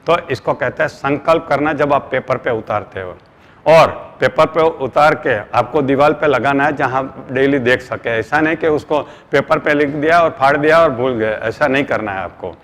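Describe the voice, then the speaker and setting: A man's voice: on the high side, fairly bright tone. Indian man giving a motivational talk in a reverberant hall. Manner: earnest, addresses listeners as friends, mixes English phrases. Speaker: motivational trainer.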